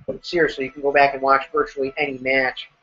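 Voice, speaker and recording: A man hosting a live wrestling reaction show, excitable and joking as he reacts to what's on screen. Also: mid-range voice, fast, dull audio.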